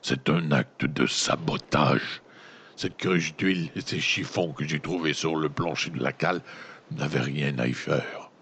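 A man voicing a solemn male ship captain in a gamebook reading, speaking slowly and gravely. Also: very deep voice, a bit bright, a little hiss or hum, pitched below the performer's own voice, exaggerated voice. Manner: slow, solemn delivery.

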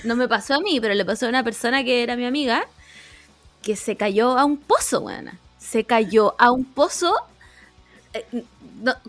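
A young woman with a Chilean accent, chatting casually as a podcast co-host, full of swearing and animated storytelling. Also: fairly high pitch, moderate pace, no room sound, faint music behind. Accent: Chilean Spanish. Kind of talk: casual chat.

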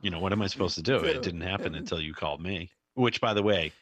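A man's voice: low-pitched, fast talker, a bit bright. A man co-hosting a casual podcast chat, amused and rambling. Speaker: podcast co-host.

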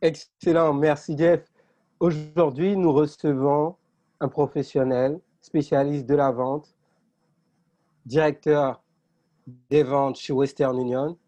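A man's voice: fairly high pitch, steady tone, slow pace, pauses often, dark tone, dull audio. A man co-hosting a podcast, welcoming listeners and introducing his guest in an upbeat way. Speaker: podcast co-host.

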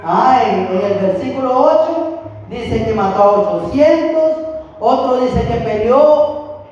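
A man preaching a sermon slowly and haltingly, often calling the listeners "hermano". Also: very high-pitched, lively intonation, a little mellow, a little hiss or hum. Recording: distant, echoey hall, muffled.

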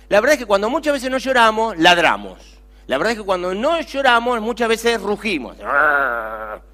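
A middle-aged man with an Argentine accent preaching a sermon as pastor, swinging between loud emphatic lines and hushed, quiet asides. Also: high voice.

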